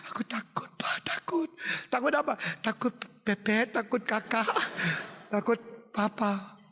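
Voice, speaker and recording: A timid little boy, frightened and whimpering as he pleads, as a man puts him on. His small, high voice trails off into half-whispers in a long-echoing hall. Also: racing, creaky, fairly bright tone, exaggerated voice. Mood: fearful.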